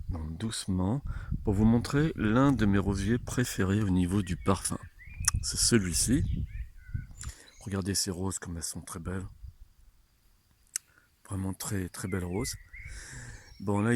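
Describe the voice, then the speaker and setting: A man giving a chatty, unhurried walking tour of his own rose garden outdoors, often restarting his sentences. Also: on the low side, gravelly, background noise. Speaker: home gardener showing his roses. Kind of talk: casual walking tour, vlog.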